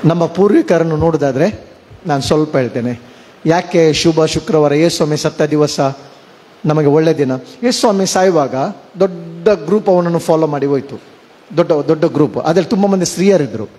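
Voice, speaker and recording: A man's voice: on the high side, fairly quick, mellow. A man preaching a sermon, mixing in English words and asking his congregation questions. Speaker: pastor. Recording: long hall reverb.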